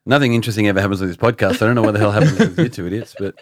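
An Australian podcast co-host trades jokes and pokes fun at himself in casual chat. He talks very fast in a lowish voice, recorded at studio quality with no echo.

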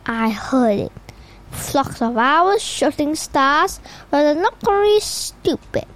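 A woman reading aloud the part of a stern, irritable middle-aged woman professor, with halting slips. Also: high voice, big pitch swings, full character voice.

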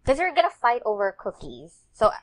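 A woman's voice: on the high side, wildly swooping pitch, brisk, a bit bright, slight background noise. A woman, a guest on a food podcast, talking in an opinionated, teasing way. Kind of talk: casual chat.

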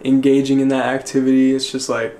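A man's voice: medium pitch, completely flat delivery, brisk, a little mellow. A young man chatting on a podcast, candid and self-deprecating. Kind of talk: casual chat. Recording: roomy room.

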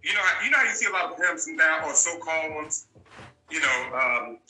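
Male guest, bright forceful voice, blunt and emphatic, roomy echo. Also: on the high side, lively intonation, a little fast. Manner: blunt, emphatic, repeats key points. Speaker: interview guest. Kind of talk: candid storytelling.

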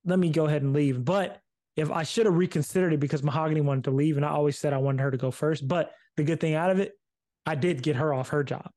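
A man co-hosting a podcast in casual chat, talking in animated bursts, repeating himself and swearing casually. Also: on the high side. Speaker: podcast co-host.

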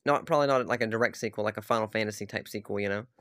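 A man's voice: on the low side, rapid-fire, no echo, studio quality. Cursing, rambling male gamer ranting. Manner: swearing, animated, self-deprecating, laughs often. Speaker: YouTuber ranting about games. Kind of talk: casual rambling rant.

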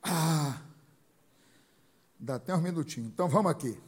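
A man with a Brazilian Portuguese accent, preaching a sermon as pastor, animated and rising to loud bursts. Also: on the high side, moderate pace, husky.

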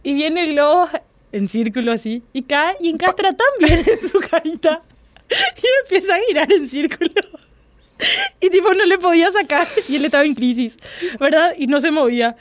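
A young woman with a Paraguayan Spanish accent, teasing and telling animated stories in casual chat as a host. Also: high voice, normal speed, no room sound.

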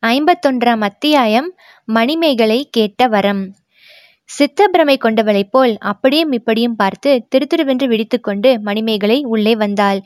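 A woman narrating a historical novel chapter in measured, clear storytelling. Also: on the high side, no room sound, studio quality. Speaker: audiobook narrator.

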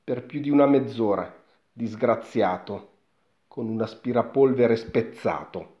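A man's voice: medium pitch, unhurried. A man reading a rhyming story aloud with a theatrical, lingering delivery, on a dull lo-fi recording.

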